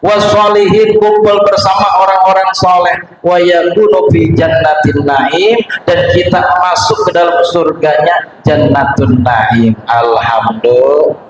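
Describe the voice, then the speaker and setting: Echoey, high-voiced young Betawi preacher. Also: male voice, fairly even intonation, measured pace, slight background noise. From Jakarta, Indonesia. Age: young adult. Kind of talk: comic sermon. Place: prayer hall. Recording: echoey hall from far off with music.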